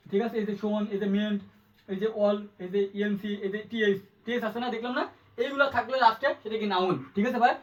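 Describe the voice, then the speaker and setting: Man, tutor, exam-prep grammar lesson, quick, repetitive, asks students questions, high voice, dull distant recording. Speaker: English tutor.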